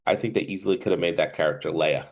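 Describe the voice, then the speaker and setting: A man with a New Jersey accent talks through a film review on a podcast, his voice sitting a bit low. He rambles, circling back and restarting his thoughts in a loose, casual chat. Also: racing, vocal fry. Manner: rambling, stop-and-start delivery. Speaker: podcast co-host.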